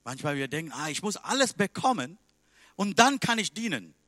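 A man preaching a sermon in a language that is not his first, emphatic and swinging between loud and quiet. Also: high-pitched, sing-song, moderate pace, dry recording, clean studio sound.

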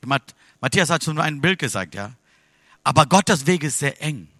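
Bright, forceful man preaching a sermon. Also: on the high side, expressive, moderate pace, no echo, clean studio sound. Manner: non-native German with broken grammar; swings between hushed asides and loud exclamations.

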